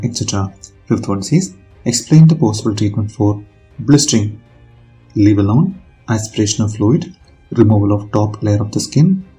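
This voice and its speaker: A man with a fairly low, dark and mellow voice teaches by reading out a model dialogue. His delivery is measured, polite and scripted. Music plays behind him. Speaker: teacher of nursing exam speaking practice. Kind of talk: instructional narration, reading out a model role play.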